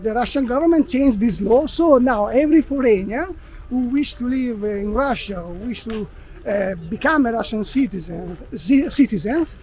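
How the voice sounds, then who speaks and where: An Italian-accented man, a non-native speaker of English, chats as an interview guest outdoors in a city park. He talks haltingly, stopping and restarting as he hunts for the right words. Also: very high-pitched, lively intonation, darkish tone. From Italy. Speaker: guest, expat blogger. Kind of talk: casual interview while walking.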